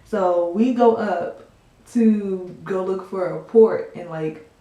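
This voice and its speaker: A woman's voice: medium pitch, slow pace, mellow. A young woman casually telling a rambling story to the camera, full of fillers. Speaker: storytime vlogger. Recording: echoey room.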